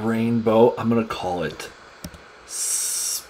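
A dad playing Minecraft with his kids in casual family chat, excitable and gasping often. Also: fairly low pitch, slow pace, a little hiss or hum. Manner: excitable, gasps and gushes often.

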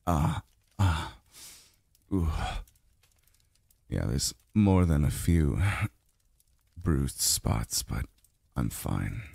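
For an intimate ASMR roleplay, a man puts on an extremely low, husky voice, very deep, gravelly and breathy, as a weary, tender adult immortal lover being soothed by a partner. He murmurs very slowly and haltingly, sighing softly. The mic is close and dry with no room sound, and it's a full character voice.

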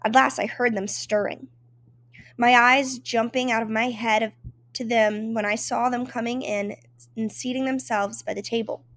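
A woman's voice: on the high side, fairly even intonation, moderate pace, a bit bright, no echo. A woman reading a first-person memoir aloud in an emotive, dramatic storytelling manner. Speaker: reader.

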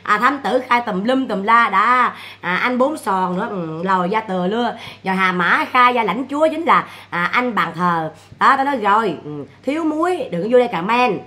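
Lively bright-voiced woman. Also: medium pitch, normal speed, hardly any pauses. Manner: animated, chatty, scolding with repeated exclamations. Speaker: vlogger. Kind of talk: casual livestream chat.

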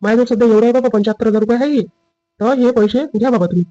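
A man playing a dutiful husband and son in a family drama skit, with a rapid, lecturing manner. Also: very high-pitched, steady tone, warm tone, no echo, muffled recording.

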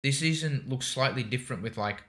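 A man's voice: medium pitch, brisk, pushed and bright. A young man chatting casually as a reaction host, in hesitant, rambling phrases. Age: young adult. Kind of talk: casual chat commentary. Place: small indoor home studio. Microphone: microphone on a desk boom arm.

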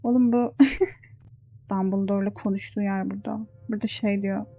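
A woman's voice: medium pitch, fairly even intonation, normal speed, narrow, tinny audio. A young woman hosting a casual let's-play, reacting to the game, joking and swearing freely. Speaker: gaming channel host.

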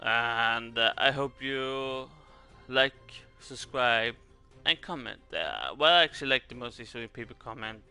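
A man's voice: mid-range voice, expressive, a little slow, gravelly, sharp tone, clear, resonant tone, soft background music. A man from Sweden with a Swedish accent gives casual game commentary in a hesitant, rambling way, repeating words as he goes. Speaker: gaming video creator.

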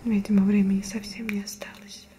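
A young woman voicing a mystical sea-cult priestess in a whispered role-play, speaking in a hushed, solemn, reassuring way over background ambience. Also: medium pitch, flat delivery, natural voice. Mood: soothing, reassuring. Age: young adult. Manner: slow, hushed, reverent, reassuring. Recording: whispered recording with clear background noise, ambience.

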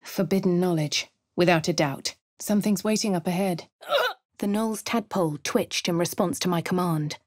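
Voicing a posh young woman adventurer as the game's player character, an actress delivers first-person lines in a crisp, upper-class English accent, moving from soft whispers to sharp shouts. Her pitch is fairly low, her pace moderate, and her tone close to an everyday voice. The close studio mic captures no echo.

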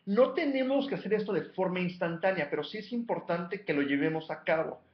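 A man's voice: high-pitched, a little fast, reverberant, muffled recording. A man giving a motivational coaching talk, emphatically counting off numbered steps and repeating his key points. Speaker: life coach.

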